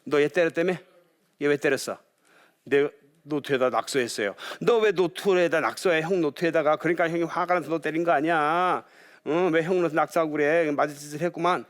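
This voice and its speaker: A man's voice: fairly high pitch, brisk, lightly acted. A mother scolds and questions her children in a slightly raised voice, as a male lecturer acts her out. She sounds stern and interrogating. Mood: scolding.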